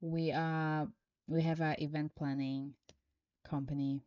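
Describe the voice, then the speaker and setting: A Brazilian woman with a Brazilian Portuguese accent reads tarot live in English, her second language, reading viewers' questions aloud and answering slowly and haltingly. She has a deep voice with a level, clean tone. The sound is lo-fi with no room sound.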